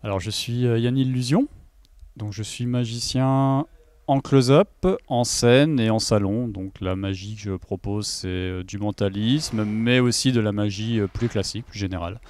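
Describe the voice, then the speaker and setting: A man's voice: fairly low pitch, moderate pace, darkish tone, no echo. A man who is a magician, presenting his work in a casual interview. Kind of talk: casual interview self-introduction.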